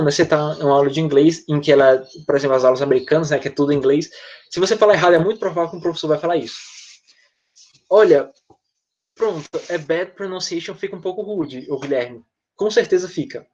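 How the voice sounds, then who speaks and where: A man's voice: a little high, a little mellow. Brazilian male teacher, dull lo-fi audio. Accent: Brazilian Portuguese. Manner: explanatory, uses tag questions like "né?" and "tá?". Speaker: English teacher. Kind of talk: online class explaining vocabulary. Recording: dull lo-fi online class audio.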